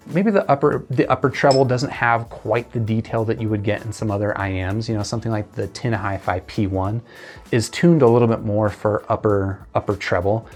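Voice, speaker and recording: A man giving a casual spoken earphone review, rambling and correcting himself with lots of fillers. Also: lowish voice.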